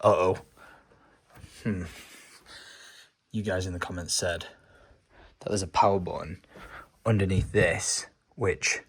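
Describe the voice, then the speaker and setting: A man's voice: on the low side, darkish tone. A man, talking casually to his vlog camera in a chatty, enthusiastic way. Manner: chatty and enthusiastic, with filler likes. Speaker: vlogger.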